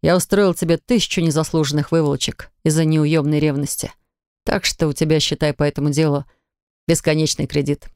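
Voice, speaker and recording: Brief: woman reading as a gentle, doting husband, soft and low, dry close studio read. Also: steady tone, a little fast, dry recording. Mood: tender. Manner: soft, soothing, affectionate. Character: tender man in his thirties, devoted new father.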